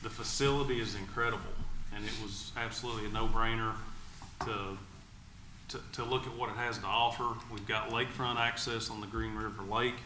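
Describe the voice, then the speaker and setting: In an indoor meeting room that echoes, with faint noise behind him, a man speaking as an agency commissioner offers eager remarks to the public. He talks briskly in a steady, lowish voice.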